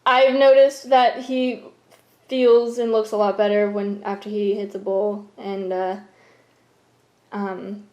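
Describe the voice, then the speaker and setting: A young woman with an American accent speaks at an average pitch. She chats informally, as in a vlog recorded at home, in loose everyday speech. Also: level tone, takes it slowly, a little mellow. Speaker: vlogger and caregiver. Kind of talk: casual vlog chat. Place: room at home.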